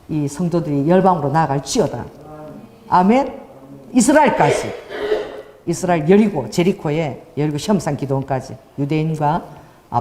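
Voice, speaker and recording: Animated woman pastor preaching in a hall. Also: a little high, slight background noise. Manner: animated storytelling with quoted voices. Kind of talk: sermon.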